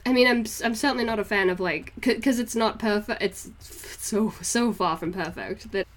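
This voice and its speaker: Chatting loosely and giggling with her livestream audience, a young art streamer talks at normal speed in a mid-range voice. Her accent mixes northeast English with New Zealand, since she moved from northeast England to New Zealand as a child.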